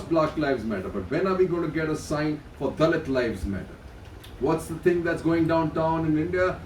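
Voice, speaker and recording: A man's voice: on the high side, recorded from a distance, slight background noise. A middle-aged man reading news headlines and adding blunt opinions in casual commentary, with hesitant restarts between items. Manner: reads headlines then adds blunt asides. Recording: echoey room, voice off-mic, faint ambience.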